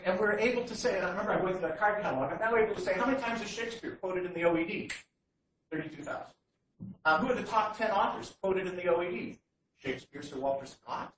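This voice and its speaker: Heard from far away through a room microphone, a Canadian lecturer's bright, high-sitting voice fills a big, heavily echoing hall with faint background noise. He talks without slides, stumbling over fillers and starting sentences again.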